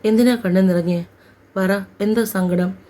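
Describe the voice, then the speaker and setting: A woman narrator voicing a gentle, reassuring expectant young wife in an audio story. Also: mid-range voice, steady tone, unhurried, voice pushed up, natural voice. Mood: concerned.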